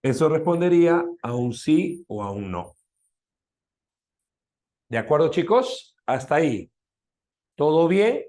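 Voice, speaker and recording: A man's voice: fairly high pitch, animated, measured pace, long pauses, a little mellow. Joking Peruvian man teaching a class. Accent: Peruvian Spanish. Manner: teasing, jokey, often asks students to confirm. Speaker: language teacher. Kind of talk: live class lecture.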